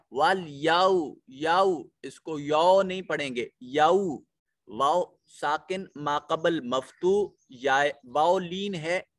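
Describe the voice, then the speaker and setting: A Pakistani-accented man teaches a Quran lesson, and his voice sits fairly high for a man. He works through the verses at a very unhurried pace and explains each pronunciation rule step by step. The recording is close and dry, with no room sound. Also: a bit bright, no room sound. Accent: Pakistani Urdu. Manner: slow, drawn-out chanted recitation; methodical explaining of pronunciation rules. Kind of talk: Quran recitation and tajweed lesson.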